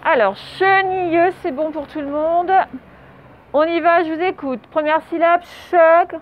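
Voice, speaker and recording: A woman's voice: high voice, fairly even intonation, normal speed. A woman primary school teacher giving a spelling dictation, drawing out each syllable and spelling the letters aloud through a face mask. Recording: narrow phone-like sound. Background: traffic noise through open doors.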